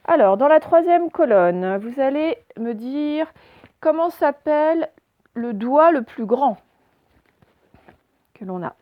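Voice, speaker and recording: Slow, clear woman teaching a reading lesson. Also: high-pitched, lively intonation, no room sound. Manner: slow, clearly articulated, asks questions and answers them herself. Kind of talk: recorded reading lesson for children. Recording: dry, dull lo-fi recording.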